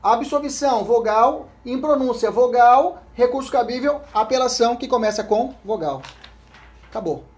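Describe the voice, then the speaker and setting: A man with a Brazilian Portuguese accent gives an exam-prep law lecture at normal speed in a darkish tone. He reads statutes aloud, repeats key points and keeps checking in with listeners, often trailing off into a low murmur.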